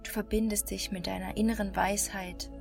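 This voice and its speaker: A woman guiding a meditation in a slow, calm, soothing hypnotist-like manner, with long pauses between short phrases. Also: medium pitch, creaky. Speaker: meditation guide. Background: new-age music.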